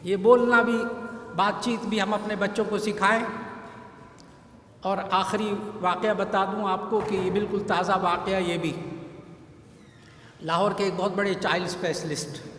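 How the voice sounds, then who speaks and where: A man's voice: high-pitched, level tone, long pauses, fairly bright tone. A man preaching a sermon and telling a story in an earnest way, repeating his key phrases for emphasis. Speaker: Islamic scholar and preacher. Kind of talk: sermon with an anecdote. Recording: echoey hall with faint background noise.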